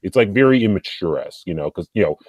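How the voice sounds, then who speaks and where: A man's voice: low voice, animated, fast, a little mellow, dry recording. A man speaking as a podcast guest, rambling casually with lots of fillers like "and stuff.".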